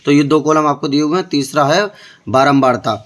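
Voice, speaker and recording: A man's voice: on the high side, fairly quick. Man explaining math, asking pupils. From India. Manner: explains step by step, keeps asking the students questions. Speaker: math teacher. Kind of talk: board-exam tutoring lesson.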